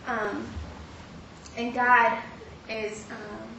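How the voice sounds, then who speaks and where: A young woman giving a personal faith testimony, speaking earnestly and haltingly with many fillers. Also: fairly high pitch, little pitch movement, bright, forceful tone, highs cut off. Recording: roomy, distant mic with clear background noise.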